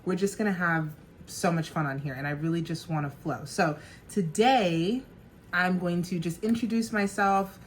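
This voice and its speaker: A woman's voice: fairly low pitch, normal speed, a little hiss or hum. A woman in her thirties from New Jersey, chatting casually and laughing often while doing her makeup at home. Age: 30s. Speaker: makeup artist and vlogger. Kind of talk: casual get-ready-with-me chat.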